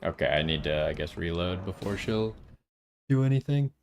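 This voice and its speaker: A man's voice: low-pitched, animated, normal speed. A man giving casual gameplay commentary, thinking aloud and asking himself questions as he goes. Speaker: gaming video host.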